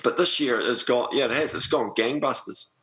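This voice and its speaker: A man with a Kiwi accent in casual, matey conversation. His voice is very bright and forward at a middle pitch, and he leans on easygoing slang. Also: normal speed. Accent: New Zealand. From New Zealand. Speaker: podcast guest, sailing club commodore. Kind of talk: casual chat.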